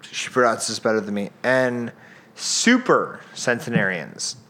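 A man's voice: medium pitch, expressive, measured pace, fairly bright tone. A young man co-hosting a podcast, chatting casually with jokes and lots of fillers. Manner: joking, rambling with many fillers. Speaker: podcast co-host. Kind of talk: casual chat.

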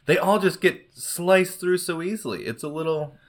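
A man hosting a casual podcast chat who critiques a film in an animated, enthusiastic way. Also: high voice, moderate pace. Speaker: podcast host.

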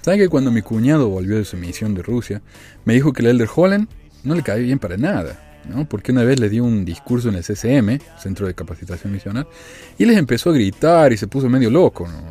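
A man's voice: medium pitch, sing-song, fast talker, warm tone, breathy edge, faint music behind. A man hosting a talk show, giving wry, chatty commentary on the news with frequent rhetorical questions. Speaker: podcast host. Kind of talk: casual commentary.

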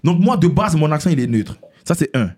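A man from Ivory Coast with a French-sounding accent, a rapper guest explaining himself in an animated, emphatic casual conversation. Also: on the high side, brisk.

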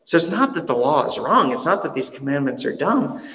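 A male pastor giving a sermon in an earnest, conversational way, often dropping soft and slow for emphasis. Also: on the high side, very animated, big-room sound, rough recording.

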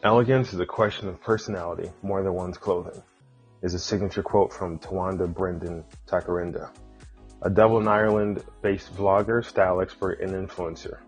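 Husky-voiced upbeat male podcast host. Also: deep voice, steady tone, normal speed, soft background music. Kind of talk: scripted intro then casual interview.

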